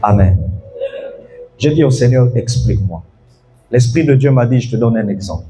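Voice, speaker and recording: A man's voice: medium pitch, animated, normal speed, mellow, breathy edge. Man preaching a story-led sermon. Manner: storytelling preacher, calls out to the congregation. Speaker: pastor.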